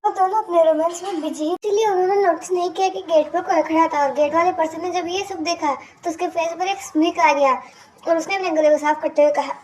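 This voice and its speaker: A woman with a very high voice narrates a story in a plain retelling manner, with faint noise behind her. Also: fairly even intonation, fast, darkish tone.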